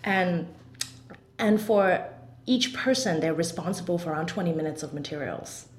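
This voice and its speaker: A woman from Hong Kong, a singer and composer, talking as a guest in an interview with quick bursts and restarts. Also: on the low side. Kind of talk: interview conversation. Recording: roomy echo.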